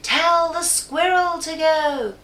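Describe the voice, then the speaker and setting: A woman's voice: extremely high pitch, slow pace, a bit bright, distant mic, voice pushed up, exaggerated voice. A woman whispering as magic trees. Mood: hushed. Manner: breathy whisper. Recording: echoey room.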